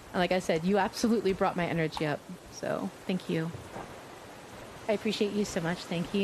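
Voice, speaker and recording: A woman live streaming a game, chatting casually and effusively with her viewers and swearing freely. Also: fairly low pitch. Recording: steady noisy ambience behind voice.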